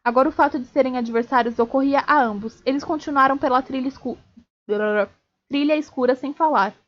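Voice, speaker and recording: A woman streamer reads a novel aloud at a steady clip and now and then trips over a word and starts it again. Her voice is high. The stream audio is dull and lo-fi. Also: brisk. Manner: steady reading with small slips and restarts. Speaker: streamer reading a book aloud. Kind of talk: live read-aloud of a novel.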